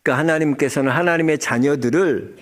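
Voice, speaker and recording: A man's voice: a little high, fast talker. A male pastor preaching a Sunday sermon, telling stories and acting out dialogue as he speaks straight to the congregation. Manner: animated storytelling, acts out dialogue, addresses congregation directly.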